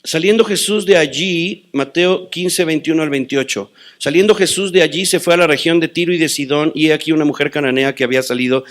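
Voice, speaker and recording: A man preaching a sermon as pastor, quoting scripture and telling personal stories, swinging between loud declarations and hushed asides. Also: on the high side, fairly quick, hardly any pauses.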